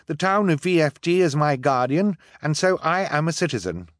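A man's voice: on the high side, moderate pace, no echo, clean studio sound, voice pushed up, close to an everyday voice. Guy putting on a brave teen girl standing up to speak, firm, storybook. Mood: determined. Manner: firm, determined. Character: brave resolute teenage girl.

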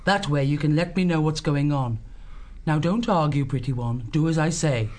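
A man's voice: on the high side, moderate pace, darkish tone, pitched above the performer's own voice, natural voice. A man doing a firm mother badger. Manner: firm, commanding. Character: commanding mother badger, strong and protective.

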